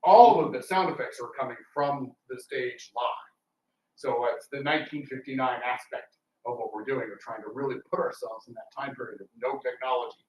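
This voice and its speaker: Here a radio theatre performer speaks in a mid-range, slightly mellow voice at a somewhat quick pace. He's chatting casually and theatrically on a live panel during a public library talk. The indoor room sounds roomy, with a distant mic and background noise.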